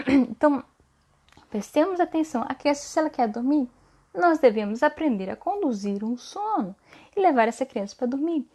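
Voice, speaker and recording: A high-pitched woman hosts a casual live stream for mothers. She talks in an earnest, coaching way. She keeps tagging her sentences with a quick "tá?" to check that her listeners are following. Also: animated, mellow. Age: adult mother. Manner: ends phrases with a questioning "tá?".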